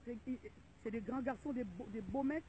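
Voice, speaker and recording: A woman's voice: on the high side, normal speed, mellow. Impassioned middle-aged woman, tinny audio. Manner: indignant, repetitive, rallying cries. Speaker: vlogger addressing viewers. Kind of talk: impassioned video appeal. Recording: tinny phone-like audio with faint noise.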